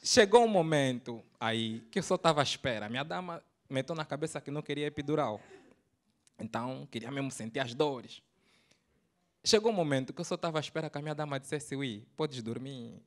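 A man in his thirties with an Angolan Portuguese accent performs stand-up on a comedy club stage, holding a handheld mic. He talks a little fast, swinging between loud bursts and low, slangy asides.

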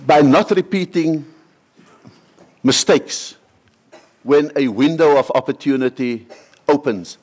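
A middle-aged man from South Africa, a panelist answering in a measured, rhetorical way with repeated phrases, speaking from a conference stage into a table microphone. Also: on the high side, a little mellow.

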